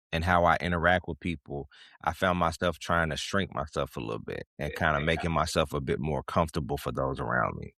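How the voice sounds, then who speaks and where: A man co-hosting a podcast, talking things through in a measured, reflective way and telling stories from his own life. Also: rumbling low, creaky, fairly bright tone, dry recording, studio quality. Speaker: podcast co-host. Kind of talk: casual conversation.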